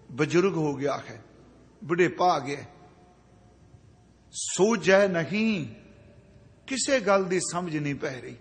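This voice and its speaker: A man in his fifties giving a sermon, chanting verses slowly and then explaining each word in plain speech. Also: sits high. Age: 50s. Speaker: Sikh preacher. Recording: long hall reverb.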